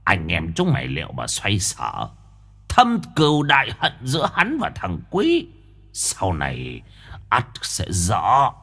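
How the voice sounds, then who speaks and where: A man voicing a cryptic, gruff old ghostly master, who lectures slowly in a gravelly voice. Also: deep voice, a bit bright, pitched below the performer's own voice, exaggerated voice. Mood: ominous. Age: older. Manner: slow, gravelly mock-wise lecturing.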